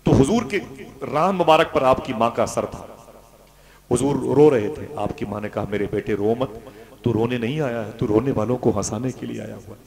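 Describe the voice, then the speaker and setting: A man preaching an emotional story-driven sermon, swinging from loud declaiming to hushed, grieving tones. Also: mid-range voice. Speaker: Islamic speaker.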